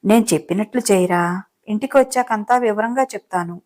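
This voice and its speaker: A woman's voice: mid-range voice, fairly quick, darkish tone, lightly acted. A woman voicing a rich young man in a romance audiobook, speaking with affectionate, playful coaxing. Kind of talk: audiobook character reading.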